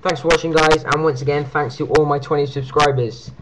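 A man's voice: a little high, steady tone, a little fast. A young man giving casual card magician patter, demonstrating step by step and counting aloud. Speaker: amateur card magician presenting a trick. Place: indoors at a table, hands on camera. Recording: noisy home recording with clicks.

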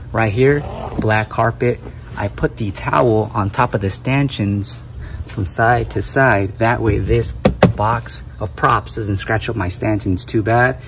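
A man's voice: mid-range voice, slight background noise. A man vlogging about his photo booth business, talking casually and energetically to camera while he loads his gear outdoors. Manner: energetic, hypes himself up, playful. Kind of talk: casual vlog talk to camera. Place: outdoors by a vehicle, loading equipment.

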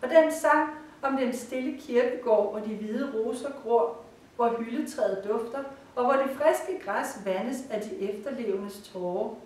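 A woman's voice: on the high side, a little mellow. Woman reading a fairy tale aloud. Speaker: reader. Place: cosy room. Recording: roomy, far from the mic.

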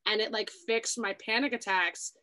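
A woman's voice: medium pitch, fairly even intonation, moderate pace, sharp tone. Chatty young woman hosting a casual talk. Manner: chatty, many "like" fillers. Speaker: YouTube host. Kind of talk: casual chat. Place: New York City.

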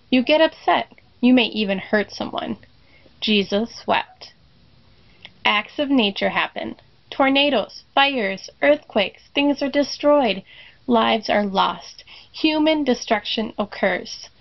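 A middle-aged woman gives a church reflection aimed at children. She speaks deliberately and keeps coming back to a short refrain. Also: fairly high pitch, vocal fry. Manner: slow, deliberate repetition of a refrain. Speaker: congregation member giving a reflection. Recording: dull lo-fi sound.

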